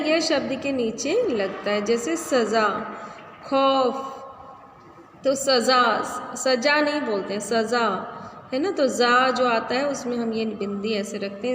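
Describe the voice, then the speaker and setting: A woman teaching a grammar lesson to children, asking a question and answering it herself, repeating key terms. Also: on the high side. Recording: echoey room with faint background noise.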